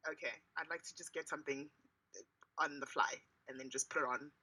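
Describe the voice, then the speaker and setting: A woman's voice: sits low, steady tone, brisk, pushed and bright, breathy edge, poor audio. A woman improvising casually as a player in a tabletop roleplaying game.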